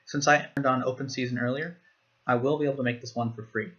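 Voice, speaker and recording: A man giving a screen-recorded software walkthrough, explaining each step plainly. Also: medium pitch, fairly even intonation, quick pace, muffled recording. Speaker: software demo presenter.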